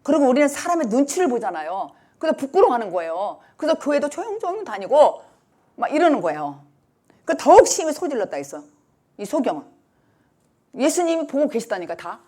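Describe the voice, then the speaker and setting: In a spirited sermon, a female pastor sometimes acts out the cries of those she describes, such as the blind man, while speaking with strong emphasis. She has a high-pitched voice and talks a little fast.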